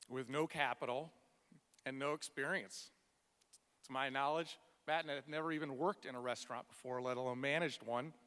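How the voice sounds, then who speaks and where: A man delivering a prepared funeral eulogy for a friend, tender and measured, in short phrases with weighted pauses. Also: mid-range voice, fairly bright tone, smooth. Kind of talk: prepared memorial speech. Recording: long echoing reverb of a hall.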